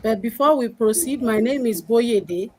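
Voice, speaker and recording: A woman's voice: a little high, a little slow, darkish tone, a little hiss or hum, rough recording. Upbeat woman hosting. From Nigeria. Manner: upbeat, welcoming greetings. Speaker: host of a live panel. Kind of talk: live-stream talk.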